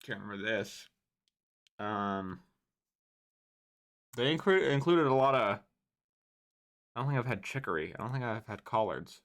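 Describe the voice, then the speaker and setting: A young man streaming live, talking casually with a lively, bouncing pitch that swings up and down. He rants, swears freely and mutters asides into his microphone. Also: unhurried, long pauses. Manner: animated, profane ranting. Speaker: livestreamer. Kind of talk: casual livestream commentary.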